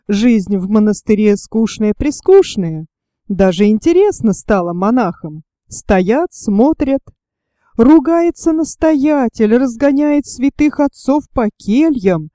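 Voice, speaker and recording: A woman narrating a historical storybook tale in a slow, deliberate manner. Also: on the high side, warm tone, no room sound, clean studio sound.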